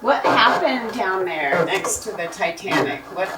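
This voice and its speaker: A woman's voice: mid-range voice, expressive, measured pace, a loud crowd. A woman hosting a paranormal session, asking short questions aloud to spirits and repeating what she takes as replies. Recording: echoey, distant mic, noisy with clicks.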